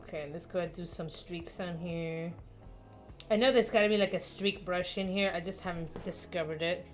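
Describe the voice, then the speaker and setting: A woman's voice: on the low side, steady tone, normal speed, faint music behind. A young woman talking herself through a digital drawing, muttering and poking fun at her own work. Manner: self-deprecating, muttering to herself. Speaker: artist. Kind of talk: casual art-process commentary.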